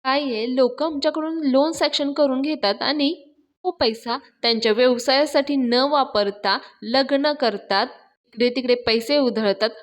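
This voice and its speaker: Pressing, coaxing young loan officer, slightly high voice, as a woman recapping puts her on. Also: close to an everyday voice. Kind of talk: acted quotes in a serial recap.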